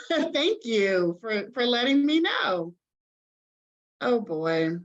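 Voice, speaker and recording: A woman admissions representative leads an online information session over a video call, chatty and encouraging, with lots of ums and okays. Her voice is on the high side and sing-song, and she speaks extremely slowly. The audio is dull.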